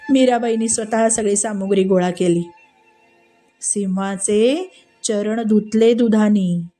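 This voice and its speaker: A woman narrates a devotional story with animated, repetitive emphasis. Her voice is soft and mellow in tone. Faint music plays underneath. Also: a little high. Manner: animated, repeats phrases for emphasis.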